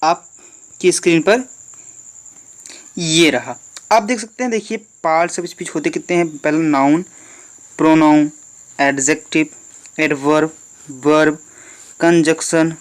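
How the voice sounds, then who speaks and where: A man's voice: fairly high pitch, unhurried, long pauses. Male tutor, online grammar lesson, drills points by self-quizzing and repetition. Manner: asks questions and answers them himself, repeating key points. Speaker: English grammar teacher.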